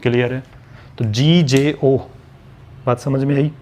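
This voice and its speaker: A man's voice: mid-range voice, steady tone, slow pace, a little mellow. A man teaching an online exam-prep lesson, explaining step by step and often checking whether students follow. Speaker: maths and reasoning teacher.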